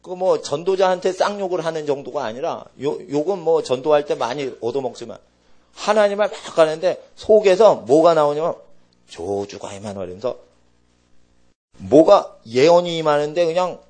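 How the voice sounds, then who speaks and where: A male pastor preaching a sermon in an animated way, swinging between loud exclamations and quiet asides. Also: on the high side. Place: church sanctuary.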